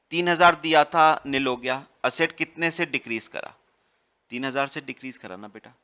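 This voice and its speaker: A male teacher explains accounts step by step, firing questions at his class and answering them himself. His voice is bright and forceful, at a middle pitch, and he keeps repeating the key points. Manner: calls students "beta", repeats key points and quizzes them. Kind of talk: classroom lecture.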